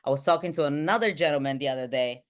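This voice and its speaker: At a quick pace, a Bulgarian woman who trains teams and speaks motivationally rallies a group on a video call with energy. She tags "right?" onto most points, her voice moving between high and low.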